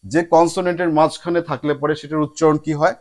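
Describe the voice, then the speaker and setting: A man teaching a spoken lesson, mixing English phrases into his speech and drawing out each example word slowly. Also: fairly high pitch, flat delivery, a little mellow. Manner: slow drawn-out word demonstrations.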